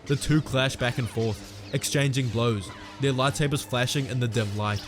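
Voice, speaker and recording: A man giving steady, dramatic scripted storytelling narration. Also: mid-range voice, moderate pace, over music.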